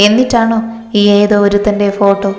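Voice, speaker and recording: A woman's voice: medium pitch, flat delivery, a little fast, a little mellow, natural voice. A woman voicing a stubborn, teasing young man who presses with insistent questions, in a storybook reading. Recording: roomy reverb with faint music.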